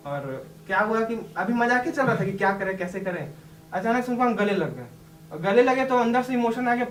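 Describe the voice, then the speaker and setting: Chatty young man, distant, echoey room. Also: high voice. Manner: chatty, laughing often while telling. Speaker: successful exam candidate. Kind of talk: telling a personal story to a class. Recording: echoey room, distant mic, background noise.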